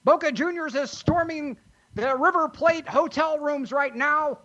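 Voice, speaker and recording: A man putting on the voice of an excited 1940s newsreel announcer, urgent and breathless. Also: very high voice, unhurried, highs cut off, pitched above the performer's own voice, full character voice. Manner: breathless urgent news-flash delivery. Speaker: podcast co-host.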